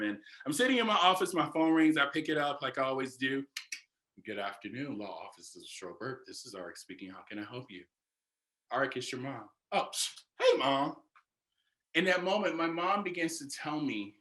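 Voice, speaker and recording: Animated man telling a story, bright voice. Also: medium pitch. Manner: animated, addresses audience directly as "y'all". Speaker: keynote speaker. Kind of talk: motivational storytelling speech. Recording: roomy echo.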